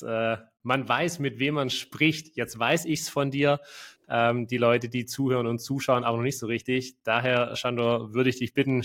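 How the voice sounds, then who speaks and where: A man hosting an interview podcast, asking long rambling questions full of fillers. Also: medium pitch. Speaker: podcast host.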